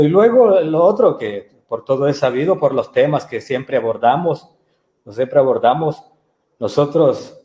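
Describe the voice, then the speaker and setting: Guy, earnest and heated, warm low tone, echoey room. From Guatemala. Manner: earnest, impassioned testimony. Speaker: journalist guest. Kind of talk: interview answer.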